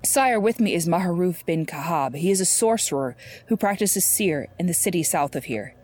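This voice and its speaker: A woman's voice: lowish voice, lively intonation, normal speed, darkish tone. A woman voicing a loyal, anxious male servant in an urgent, respectful storybook reading.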